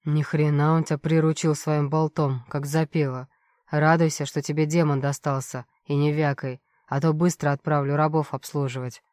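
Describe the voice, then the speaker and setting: A woman voicing a rough, mocking male prison guard in a dry, close audiobook reading. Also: low-pitched, little pitch movement, moderate pace, a little mellow, no echo, voice pushed down, natural voice. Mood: sneering. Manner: gruff, insulting, mocking.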